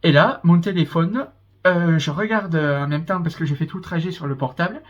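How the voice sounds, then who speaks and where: A man's voice: fairly high pitch, brisk, dull audio. Chatty southern French young man vlogging. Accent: southern French, Pyrénées-Orientales. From France, Pyrénées-Orientales. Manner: chatty, rambling, many hesitations. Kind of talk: casual storytime vlog.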